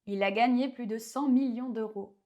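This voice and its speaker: Woman, French accent, somewhat high voice, language teacher, clear and didactic, careful pronunciation. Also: normal speed, dark tone, muffled recording. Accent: French of France. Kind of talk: explanatory language lesson.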